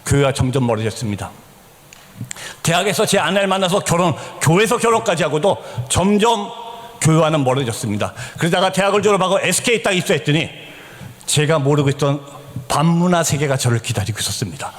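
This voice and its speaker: Middle-aged man, missionary testimony, high lively voice, quick pace, echoing church hall. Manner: animated storytelling, rising to shouts. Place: church sanctuary.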